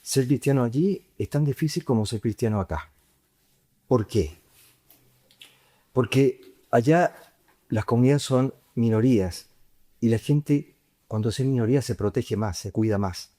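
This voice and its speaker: A man's voice: medium pitch, unhurried, pauses often, mellow, dry recording. A man, a priest giving an informal retreat talk in a conversational way that often ends on a questioning tag. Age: 50s.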